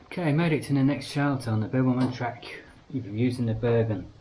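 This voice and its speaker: A man's voice: mid-range voice, fairly quick, dark tone. An Australian man vlogging as he hikes a bush trail, talking plainly and matter-of-factly about his pack. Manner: plain, matter-of-fact, thinks aloud about numbers. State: panting on a climb. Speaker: hiker vlogger. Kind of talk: casual outdoor vlog. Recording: noisy outdoor recording.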